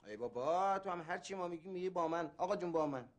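An actor playing a proud, loyal friend who protests, in a TV drama. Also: male voice, high voice, lively intonation. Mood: protesting. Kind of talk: TV drama acting.

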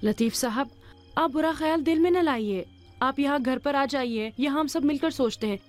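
A woman plays a kind young woman in a TV drama who reassures a family friend in a high voice. Faint music sits under her lines. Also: close to an everyday voice. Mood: reassuring. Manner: soothing, reassuring. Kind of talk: dubbed TV drama acting.

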